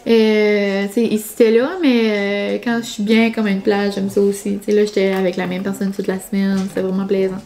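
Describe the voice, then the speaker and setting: A woman's voice: mid-range voice, little pitch movement, fairly quick, few pauses, mellow, slight background noise. A woman talking casually to her vlog camera at home, rambling and chatty with lots of fillers. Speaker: vlogger. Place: home, indoors.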